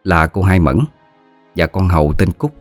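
A man narrates a spoken story in a measured, dramatic manner. His voice is very low and sits dry and close, with faint music underneath. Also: fairly even intonation, no room sound.

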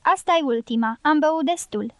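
Reserved young male dynamiter, earnest and plain-spoken, read by a woman; high voice, dry close recording. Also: fairly bright tone, no room sound. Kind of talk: audiobook character reading.

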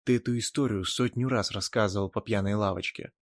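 A man voicing a nervous, impatient male shop butcher who talks in a hushed, quiet way, as an audiobook character voice. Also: on the low side, fairly even intonation, fairly quick, no room sound, clean studio sound, lightly acted. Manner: hushed, pleading.

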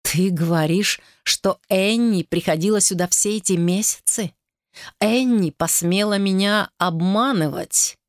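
A man's voice: high voice, unhurried, no room sound, studio quality. A woman reading a jealous, furious husband. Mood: accusing. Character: jealous, enraged betrayed husband.

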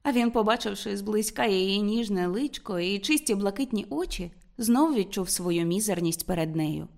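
A woman reads a classic novel aloud as an audiobook narrator. Her delivery is steady and measured, at a middling pitch. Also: creaky.

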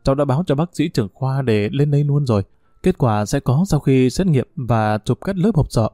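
A man's voice: mid-range voice, expressive, fairly quick, warm tone, dry recording, studio quality, natural voice. A man reading the lines of a firm young female emergency doctor in an audiobook story. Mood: calm, soothing. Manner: urgent, commanding.

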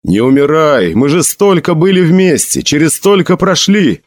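A young hero in a spoken storybook, grief-stricken and sworn to vengeance, as a male narrator puts him on. His lines rise high and loud, pleading one moment and vowing fire the next. The recording is close and dry. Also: sing-song, measured pace, no echo. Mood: anguished pleading. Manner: pleading then vengeful shouting, raised voice. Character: young man mourning his friend, vowing fiery revenge.

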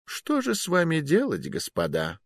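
A man's voice: on the high side, wildly swooping pitch, moderate pace, dry recording, voice pushed up, heavily acted. A man voicing an old male wizard magister who is genial, polite and coolly ruthless, with a drawling manner. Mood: mildly cruel. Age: older. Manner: drawling, mild and polite while ordering deaths.

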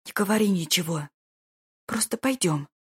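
A distressed young society lady begs in a breathless, raised, husky voice, as a woman narrator puts her on. The voice sits low for a woman. It is an audiobook. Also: normal speed. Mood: pleading. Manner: breathless, pleading, raised pitch. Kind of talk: audiobook character voice.

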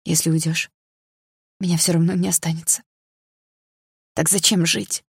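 A woman's voice: on the low side, flat delivery, moderate pace, gravelly, slightly rough, no room sound, clean studio sound, heavily acted. A woman voicing a desperate young woman in love, pleading and crying out in an audiobook.

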